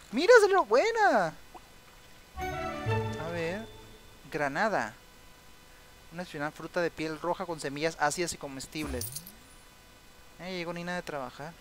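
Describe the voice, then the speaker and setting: Here a young man chats through his own gameplay, voicing the game's text and often reacting with sympathetic exclamations, in casual let's-play fashion. The recording is low quality, and his voice sits on the high side with a fairly bright tone.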